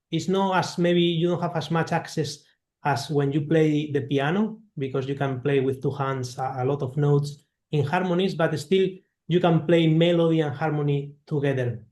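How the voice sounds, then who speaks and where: A man's voice: fairly high pitch, a little mellow, roomy sound. A man from Spain with a Spanish accent, speaking as a guest composer in an interview, thoughtful and hesitant with many fillers. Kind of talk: interview conversation.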